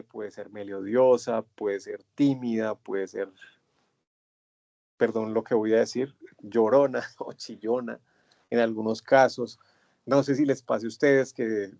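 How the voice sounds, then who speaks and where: A male instructor with a Colombian accent, giving an online class lecture in a measured, drawn-out way and stressing key words. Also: medium pitch, vocal fry, a little mellow, no room sound. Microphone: computer mic on a web conference. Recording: dull, dry web conference audio.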